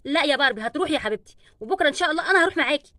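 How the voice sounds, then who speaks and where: A woman with an Egyptian accent voicing a protective mother who gently coaxes her daughter in a doll play story. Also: high voice, animated, very fast, no echo. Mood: worried. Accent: Egyptian Arabic. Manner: coaxing, gentle. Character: worried caring mother, protective.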